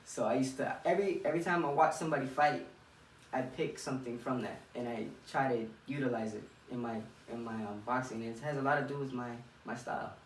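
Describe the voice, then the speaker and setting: Speaking fast in a mid-range voice, a young Miami boxer thinks out loud during a casual interview, circling back to the same phrases. He's recorded in an echoey room from a distant mic, with a bit of faint noise.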